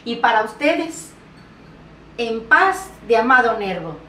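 Woman, 70s, highish voice, for grand poetry declamation; solemn and theatrical, roomy distant recording. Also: animated, slow pace. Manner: solemn, theatrical, emphatic phrasing. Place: small bare indoor room by a door. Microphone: camera mic a few steps away. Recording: roomy echo, distant mic, faint noise.

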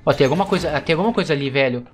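Excitable man playing a game. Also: on the high side, very fast, a little hiss or hum. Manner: excitable, chatty, addresses viewers. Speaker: gaming YouTuber. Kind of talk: let's play commentary.

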